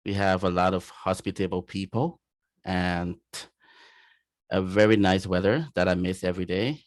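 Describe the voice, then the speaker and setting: A man from Liberia with a Liberian accent, speaking as an interview guest in casual talk, often pausing with "you know". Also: low voice, fairly even intonation, no room sound, studio quality. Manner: warm-hearted, many fillers like "you know".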